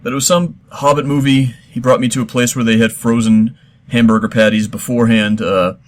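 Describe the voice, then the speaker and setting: A middle-aged man hosting a comedy show, answering listener questions in a deadpan, mock-serious, rambling way. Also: mid-range voice, fairly quick. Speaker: host.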